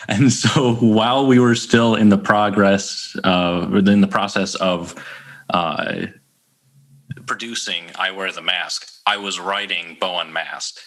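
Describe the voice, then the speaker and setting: A man's voice: sits low, a bit bright. A man who writes songs, talking in a casual interview with frequent restarts and fillers. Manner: halting, many restarts and fillers. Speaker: songwriter guest.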